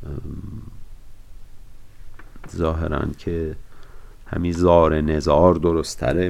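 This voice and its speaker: A man with a very low, gravelly voice lectures on classical poetry as a scholar who edited the text. He recites each verse slowly and deliberately, then drops into plain, casual explanation. His voice has a rough, creaky texture throughout. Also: a little mellow. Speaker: literature scholar and editor of a poetry edition.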